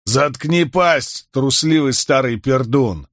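A man's voice: on the low side, normal speed, no echo, clean studio sound, close to an everyday voice. A man voicing a brutal young male captive who snarls threats. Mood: snarling. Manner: snarling, growled.

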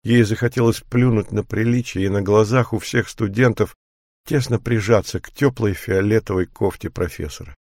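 A man narrating an audiobook in a measured, even reading manner. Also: lowish voice, no room sound, clean studio sound.

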